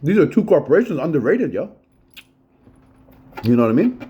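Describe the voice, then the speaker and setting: A man's voice: a little high, big pitch swings, a little fast, mellow, lo-fi sound, slight background noise. A middle-aged man, rambling profanely in a solo monologue about his childhood, repeating himself and saying "yo" often. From Long Island, New York. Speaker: channel host.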